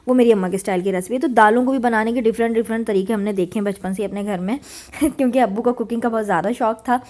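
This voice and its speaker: A woman's voice: fairly high pitch, racing, dark tone. Woman in her thirties, cooking vlogger voice-over, chatty and homely, mixes in English words. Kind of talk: casual voice-over narration. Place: home kitchen.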